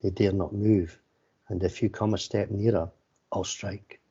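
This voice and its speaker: A man's voice: lowish voice, steady tone, a little slow, warm tone, husky, full character voice. A man voicing a threatening, vengeful female cobra in a storybook read aloud. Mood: cold menace. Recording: slightly dull, lo-fi sound.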